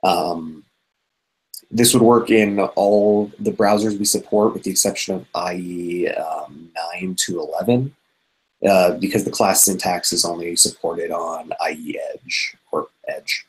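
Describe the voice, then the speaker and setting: A man presenting software proposals in an online meeting, walking through code examples step by step. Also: deep voice, fairly even intonation, a little slow, rough recording. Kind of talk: technical explanation in a meeting.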